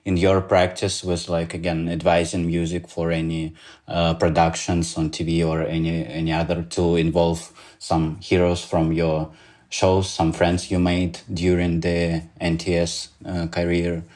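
A man hosting an interview, asking long, winding questions with many pauses. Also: sits low, monotone, a little mellow.

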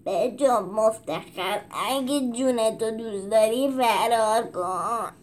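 A woman voicing a male caged animal in a storybook, speaking in a slow, hushed half-whisper. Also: on the high side, slight background noise, close to an everyday voice. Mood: urgent.

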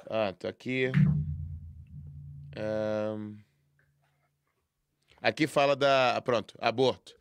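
A man's voice: fairly low pitch, steady tone, extremely slow, long pauses, smooth, no room sound. Brazilian man reading aloud, dry sound. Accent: Brazilian Portuguese. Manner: reads items aloud, hesitant, many fillers. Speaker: co-host. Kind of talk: casual live discussion.

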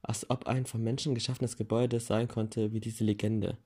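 A man reading a first-person novel aloud in a plain, steady way, with small self-corrections now and then. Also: on the low side, moderate pace, slightly rough. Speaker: audiobook reader.

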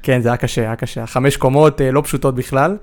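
A man, a sports journalist co-hosting a casual podcast, telling relaxed stories with many fillers. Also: medium pitch. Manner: relaxed, anecdotal, with frequent fillers.

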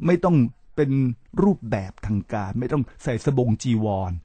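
A man's voice: mid-range voice, expressive, moderate pace, dark tone, slightly rough, no echo. Thai male host giving a preachy talk. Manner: preachy, repeats address to listeners, spells out English terms. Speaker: podcast host. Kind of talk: lecturing monologue to listeners.

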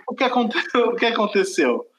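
A Brazilian man with a notably high voice tells a story on a casual podcast. He rambles, trips over his words and corrects himself as he goes. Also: pushed and bright, reverberant, low-quality recording. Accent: Brazilian Portuguese. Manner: rambling, self-correcting, laughs at own story. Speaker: podcast host.

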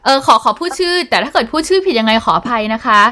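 A woman's voice: on the high side, animated, fast, bright, forceful tone. A woman hosting a radio interview, chatty and teasing, reading out fan questions. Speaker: radio host.

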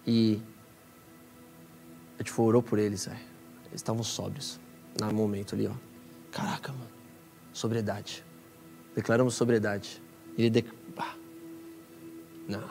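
A young man from Brazil with a Brazilian Portuguese accent, preaching and telling a story in a casual, slangy way with excited rising bursts. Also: fairly low pitch, vocal fry. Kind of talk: sermon storytelling. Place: church hall.

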